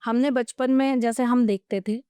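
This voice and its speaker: A woman speaks as a guest on a podcast, with a smooth, resonant voice that sits a little high. She gives earnest advice and tells stories from her own life. The room sound is dry and close. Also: moderate pace, no echo. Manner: animated storytelling, anecdotes from her own life; advising, earnest. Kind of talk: podcast interview.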